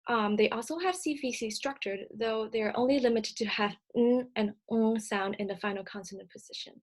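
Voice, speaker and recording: In a recorded slide presentation, a woman whose first language is Cantonese lectures in a measured, explanatory style with frequent fillers. Her voice is fairly high in pitch.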